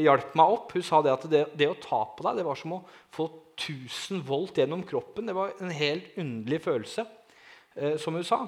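A man telling a personal testimony in a lively way, often asking his listeners "right?" and swinging from quiet to loud. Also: a little high. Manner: lively, asks the audience "right?", dramatic swings in loudness. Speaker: speaker giving a testimony.

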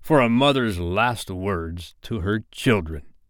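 A menacing pirate captain, drawling very slowly through each gloating threat. He is theatrical and commanding, a classic storybook villain with a dry, close sound. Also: fairly low pitch, expressive, no room sound. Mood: gloating menace. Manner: slow, drawn-out, roaring or syrupy menace.

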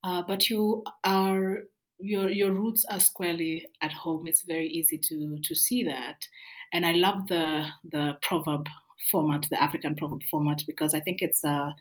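Low-voiced woman, measured podcast guest. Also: steady tone, low-quality recording. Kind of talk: casual conversational interview.

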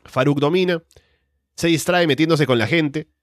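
A man's voice: fairly high pitch, moderate pace, no echo, clean studio sound. A man giving a wrestling commentator style play-by-play recap, recounting moves step by step in the present tense. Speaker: podcast co-host recapping wrestling matches.

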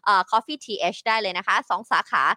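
A woman's voice: mid-range voice, fairly quick, no room sound, clean studio sound. A woman co-hosting a casual talk show and reading sponsor plugs in a playful manner. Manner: lively, playful. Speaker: co-host.

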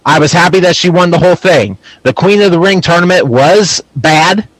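A man with a high voice co-hosts a casual wrestling chat. He gives his opinions bluntly, recorded dry with no room sound. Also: moderate pace, fairly bright tone, dry recording, low-quality recording. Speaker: podcast co-host.

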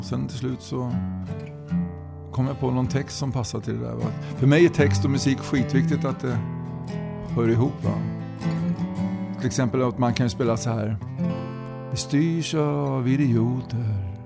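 Gravelly-voiced man in his sixties. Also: medium pitch. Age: 60s. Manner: talkative, tags sentences with "va?". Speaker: guest, musician and movement leader. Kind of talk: casual conversational interview.

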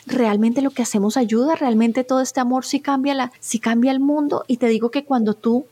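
A middle-aged woman who works as a spiritual therapist is an interview guest, sharing personal stories in an earnest, heartfelt manner. Her voice is high-pitched, warm and breathy-edged, with fairly even intonation and a brisk pace.

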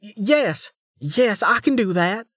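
A man voicing a nervous young woman police officer who reads truth, high and stammering. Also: lively intonation, slow, bright, forceful tone, dry recording, clean studio sound, exaggerated voice. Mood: shaken.

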